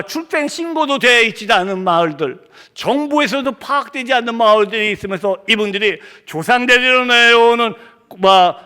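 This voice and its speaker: A middle-aged man delivers an impassioned sermon in a church sanctuary. His voice sits high and rings bright and forceful, and he builds toward near shouts as he presses his point. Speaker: missionary preacher.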